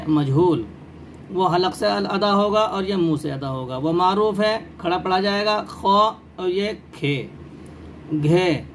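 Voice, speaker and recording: A man's voice: high-pitched, a little hiss or hum. A man teaching an Urdu reading primer, carefully sounding out drilled syllables one by one.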